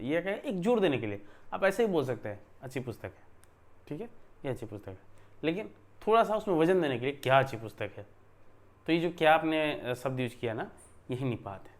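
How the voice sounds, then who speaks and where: A man's voice: fairly high pitch, animated, a little fast. A man teaching a grammar lesson in a conversational way, often checking in with his listeners and stressing words to show emphasis. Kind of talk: explanatory online lesson.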